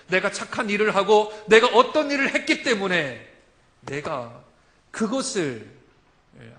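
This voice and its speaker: A middle-aged man preaching a sermon as a pastor. He moves between quiet, low storytelling and loud, rising exhortation. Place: church sanctuary.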